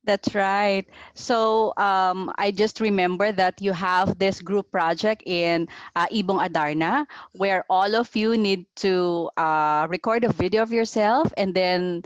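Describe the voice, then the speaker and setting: A woman with a Filipino accent hosting a casual interview. She talks in a gentle, unhurried way and often ends with a tag question. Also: medium pitch, fairly even intonation, no echo, lo-fi sound. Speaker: homeschooling host interviewing a student.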